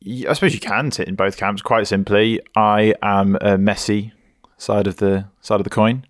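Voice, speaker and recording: A young man co-hosting a football podcast, talking in a measured, hedging way. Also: fairly low pitch, steady tone, no room sound, studio quality. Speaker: podcast co-host. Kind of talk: casual chat.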